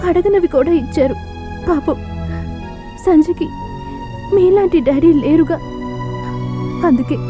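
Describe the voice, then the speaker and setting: A young actress playing a loving daughter who pleads with her father. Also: sits high. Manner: pleading, heartfelt. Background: music.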